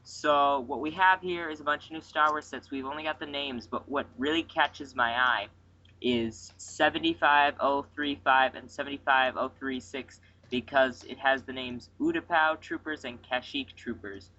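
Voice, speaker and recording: Bright-voiced excitable male podcast host. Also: mid-range voice. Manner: excitable, quick to interrupt and correct. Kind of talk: casual chat about toy sets. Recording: dull lo-fi podcast recording.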